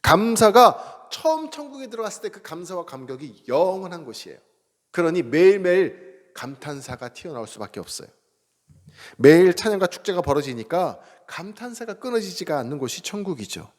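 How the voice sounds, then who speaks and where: A man's voice: sits high, a little fast, long reverb tail. A man preaching a sermon as pastor. He acts out cries of surprise and asks the congregation questions, then answers them himself. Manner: animated, acts out exclamations of surprise. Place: church sanctuary.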